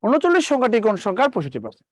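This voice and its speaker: Male math teacher, rapid patter, swinging pitch, keeps re-asking the class. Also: wildly swooping pitch, dry recording, studio quality. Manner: repeats questions to students, coaxing and drilling. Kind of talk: live online math lesson.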